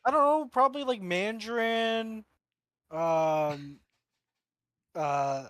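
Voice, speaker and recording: A man's voice: sits high, slow, fairly bright tone, dry recording. A man from Canada co-hosting a live reaction stream, blunt and playful in casual banter. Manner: blunt, playful, laughs along. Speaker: co-host.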